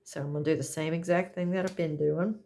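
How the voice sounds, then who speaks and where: Low gravelly chatty woman. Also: steady tone, fast, dark tone. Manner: chatty, self-correcting, folksy. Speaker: planner crafter demonstrating a setup. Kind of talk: casual how-to chat.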